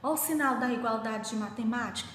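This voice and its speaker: Woman, children's grammar teacher, deliberate and repetitive, reverberant room. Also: on the high side, fairly bright tone, a little hiss or hum. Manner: slow and deliberate, repeats points, asks the class to repeat after her. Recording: echoey room with long reverb.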